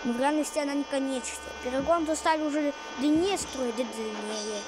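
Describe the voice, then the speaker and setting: A woman giving casual, rambling game commentary in halting, repetitive phrases. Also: high voice. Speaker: gamer commentating. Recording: loud noise from train game. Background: train game sounds.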